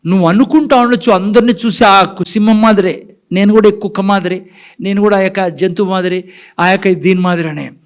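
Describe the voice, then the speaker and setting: A man preaching a sermon in church with a Rayalaseema Telugu accent, asking the congregation questions and switching between quiet and loud passages, dropping in English phrases. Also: sits high, fairly even intonation, a little fast, clear, resonant tone. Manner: mixes in English words and phrases. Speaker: pastor.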